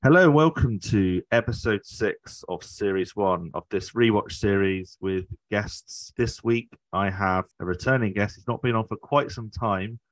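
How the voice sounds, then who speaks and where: Man, British accent, deep pitch, dry sound, podcast host, conversational and rambling. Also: measured pace, hardly any pauses, no room sound, poor audio. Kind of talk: casual chat.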